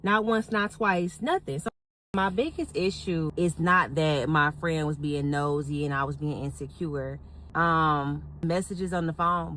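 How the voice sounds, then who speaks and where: A woman telling a personal story in a casual rant, animated and indignant, swearing and acting out what others said. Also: on the low side, slight background noise. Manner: animated, indignant, swears, quotes people in a rising voice. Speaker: storyteller venting on a social video.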